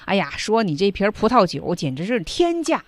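A female radio host co-presenting an English lesson in a chatty, animated way. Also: mid-range voice, moderate pace, no room sound.

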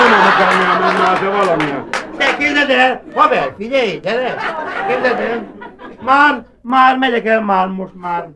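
High-voiced bragging loony guy, a man playing him on stage, hissy old tape, crowd roaring. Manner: rambling, repetitive, buttonholing the listener. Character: boastful rambling male asylum inmate, bragging. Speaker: cabaret comedian. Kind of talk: live cabaret monologue. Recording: hissy old cassette of a live show with loud audience laughter.

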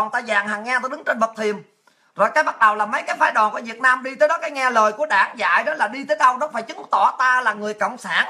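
A woman's voice: a little high, sharp tone. A woman hosting a heated political rant, fiery and mocking, acting out the people she quotes. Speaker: political commentary host.

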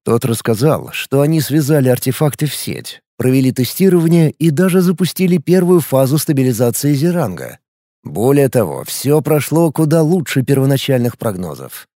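A man narrating a science-fiction audiobook in measured, scripted storytelling. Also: mid-range voice, sing-song, dark tone, no echo, clean studio sound.

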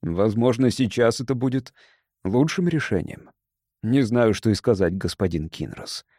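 A man voicing a shaken male leader who speaks hoarsely and desperately, in an audiobook story. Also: fairly low pitch, expressive, normal speed, mellow, no echo, studio quality.

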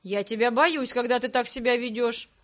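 A woman's voice: fairly high pitch, normal speed, natural voice. A woman voicing a sleepy, grumpy young man who complains indignantly. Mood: grumbling.

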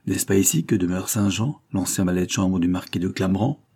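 A man's voice: low-pitched, brisk, warm tone, husky. A man reading a weary, reserved nobleman. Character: weary returning nobleman, middle-aged, reserved.

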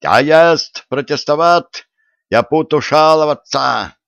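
A man's voice: fairly high pitch, slow pace, gravelly, fairly bright tone, clear, resonant tone, dry recording, voice pushed up, full character voice. A man doing a fussy German-accented merchant with broken grammar; dry, muffled read. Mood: protesting. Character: pompous foreign merchant, man, mangled speech. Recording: dull, lo-fi dry audiobook.

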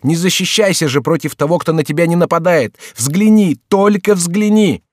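A man voicing a desperate young male count who shouts warnings and pleads frantically in an audiobook reading. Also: mid-range voice, moderate pace, no echo, clean studio sound, pitched above the performer's own voice, natural voice. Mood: pleading.

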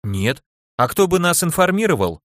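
A man voicing an indignant, quick-tempered young woman officer in an audiobook, speaking in a raised voice and exclaiming often. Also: a little high, very animated, a bit bright, dry recording, clean studio sound, voice pushed up.

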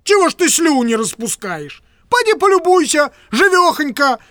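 A woman's voice: high voice, sing-song, normal speed, a bit bright, no echo, pitched above the performer's own voice. A woman voicing a fussy, grumbling old male clerk who rambles and stammers in an audiobook reading. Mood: scolding.

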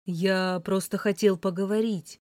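A woman's voice: mid-range voice, fairly even intonation, measured pace, darkish tone, no echo, close to an everyday voice. A woman reading the lines of an insistent, blunt adult man in an audiobook, in terse, pressing questions.

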